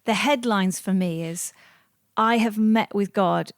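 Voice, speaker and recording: A woman's voice: medium pitch, measured pace, dry recording, clean studio sound. Reflective woman, podcast co-host. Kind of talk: casual conversation.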